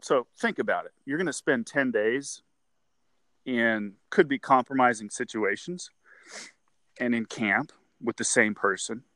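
A man's voice: medium pitch, unhurried, fairly bright tone, dry recording. A man in his forties, a guest on a casual interview, rambling and repeating words, with frequent laughs. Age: 40s.

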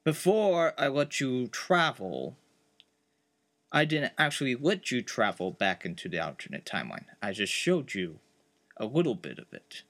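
A man voicing an eccentric male time-travel scientist who patiently lays out rules in a calm, explaining manner. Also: medium pitch, unhurried. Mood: calm, lecturing. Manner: calm, explanatory, earnest rule-giving.

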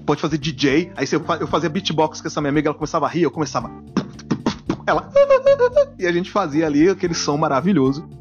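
A man's voice: on the high side, quick pace, highs cut off, soft background music. A man in his forties hosting a casual comedic podcast, reacting to guests' stories and joking a lot. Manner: jokey, animated, acts out silly voices. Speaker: podcast host.

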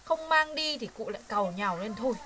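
A woman's voice: fairly high pitch, animated, fast, noisy background, natural voice. Actress as a brash young party girl. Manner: brash, slangy, dismissive. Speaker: actor in a TV skit. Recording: loud music bed under the skit.

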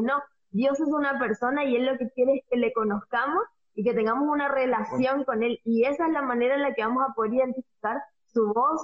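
A woman with a Rioplatense Spanish accent co-hosting a devotional radio talk, explaining step by step with everyday examples. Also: high voice. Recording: dull muffled radio audio.

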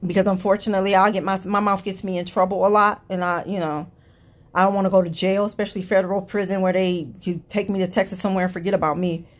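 A woman's voice: mid-range voice, level tone, quick pace. Blunt, exasperated woman ranting. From Cleveland area. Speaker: podcast host. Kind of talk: solo political rant podcast.

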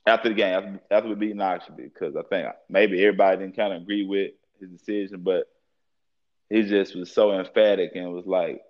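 A man's voice: sits low, fairly quick. A young man, a head football coach, talking casually in an interview, leaning on fillers and repeated phrases. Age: young adult. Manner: relaxed, repeats fillers like "at the end of the day". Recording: dull lo-fi sound.

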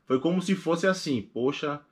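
A young man with a Pernambuco accent, a podcast guest in casual chat, telling his story with animated retellings of past conversations. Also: fairly high pitch, normal speed. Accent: Pernambuco Portuguese. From Recife, northeast Brazil. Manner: animated, acts out past conversations in quoted voices.

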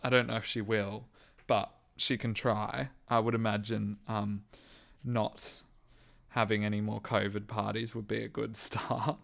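A man co-hosting a podcast in casual chat, wry and relaxed, pausing with frequent ums. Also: fairly low pitch, gravelly. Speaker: podcast co-host.

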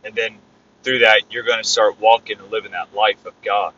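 A man preaching an informal sermon on his own podcast, repeating phrases and rising to loud exclamations. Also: on the low side, level tone, moderate pace, lo-fi sound, slight background noise.

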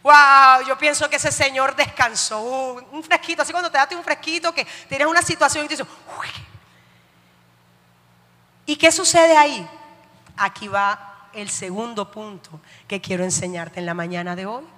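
A woman's voice: high-pitched, normal speed, bright, forceful tone. A woman preacher giving an emphatic sermon in a church hall, often putting questions to her listeners. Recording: long hall reverb.

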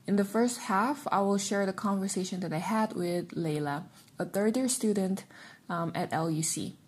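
Young woman, podcast host, husky and measured, reads from script. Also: medium pitch. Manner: measured, reads prepared lines. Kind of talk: scripted introduction and interview questions.

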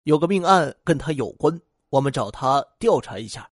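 A man's voice: a little high, expressive, normal speed, no echo, studio quality. A man voicing a tall male policeman who stammers awkwardly.

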